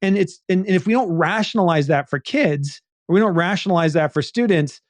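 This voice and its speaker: A man's voice: high-pitched, lively intonation, brisk, no room sound. A man hosting an interview, asking questions in an enthusiastic, affirming way. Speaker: podcast host. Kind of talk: conversational interview.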